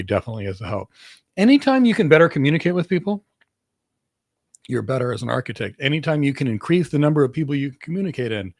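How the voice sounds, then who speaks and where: A Greek-born cloud architect with an American accent hosts a session answering viewers' career questions, speaking emphatically and often repeating words for stress. His mid-range voice has vocal fry, and the studio-quality recording has no echo.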